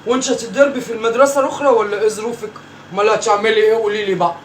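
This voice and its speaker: A nagging, teasing old grandmother with an Egyptian accent, played by a performer, scolding the kids in a comic sketch. She talks fast and keeps repeating herself. The voice sounds roomy and distant, with faint noise underneath. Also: mid-range voice, fairly even intonation, close to an everyday voice. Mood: bossy teasing. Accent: Egyptian Arabic.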